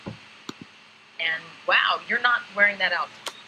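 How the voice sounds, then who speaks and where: A woman's voice: mid-range voice, slow, pushed and bright, slight background noise, rough recording. A woman speaking acted English TV dialogue in a replayed clip.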